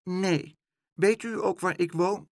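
Man doing a squeaky little lost boy. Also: slow pace, no echo, clean studio sound. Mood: tearful. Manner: high childlike chirping. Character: small lost boy, tearful then cheerful.

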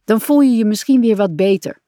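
A woman reading aloud and voicing a brisk, busy female pig in a storybook. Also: medium pitch, warm tone, dry recording, studio quality, voice pushed up, natural voice. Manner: brisk and a bit bossy.

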